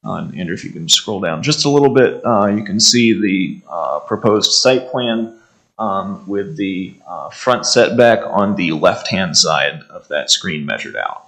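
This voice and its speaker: A man's voice: low-pitched, lively intonation, measured pace, fairly bright tone. An American man formally presenting a staff report, methodically reading out details with frequent hesitations. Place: indoor township meeting room.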